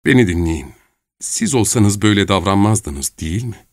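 A man's voice: fairly low pitch, lively intonation, normal speed, a little mellow, dry recording, studio quality. A man reading a novel aloud, voicing a distraught young woman who pleads emotionally in a raised voice. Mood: pleading. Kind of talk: audiobook character reading.

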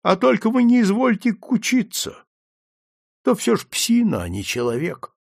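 A man's voice: high-pitched, wildly swooping pitch, moderate pace, creaky, no room sound, studio quality, pitched above the performer's own voice, full character voice. A man voicing a timid, fawning village priest who pleads and sighs in a storybook reading. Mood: pleading.

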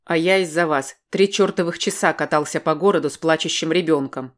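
A gruff, short-tempered grown man barks his lines, read by a woman narrator. The voice sits fairly low, clipped and snapping, in an audiobook. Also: normal speed, a little mellow, close to an everyday voice. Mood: angry.

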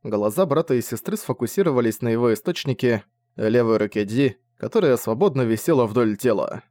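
A man narrating an audiobook in a steady, even reading voice. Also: mid-range voice, brisk, no echo.

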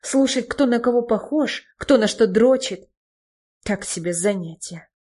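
A woman voicing a sharp-tongued, sarcastic young woman. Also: on the high side, animated, a little slow. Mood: curt. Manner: sarcastic, cutting.

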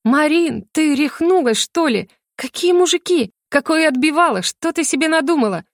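An anxious young woman, her voice climbing high and sharp as she pleads and accuses, as a woman narrator plays her. Tense and insistent, read close in a dry, deadened room. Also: a little fast, no room sound, close to an everyday voice. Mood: agitated. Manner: tense, pleading, rising to shouts. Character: young woman, frightened sister turned accuser.

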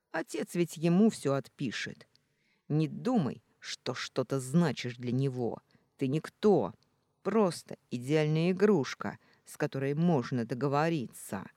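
A woman's voice: low-pitched, dark tone, no room sound, studio quality. A woman voicing a cold, contemptuous young man in an audiobook, with a harsh, scornful delivery. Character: contemptuous young male boyfriend, cold and cruel. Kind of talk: audiobook character reading.

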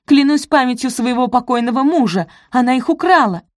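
A woman voicing a shrill, spiteful middle-aged countess who shrieks and hisses her accusations. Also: lively intonation, a little fast, darkish tone, no echo, studio quality, natural voice. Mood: shrieking. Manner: shrieking, hissing.

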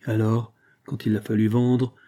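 A man voicing a frail, gentle old man who pleads tenderly, in a storybook reading. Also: lowish voice, little pitch movement, measured pace, close to an everyday voice. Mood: sorrowful.

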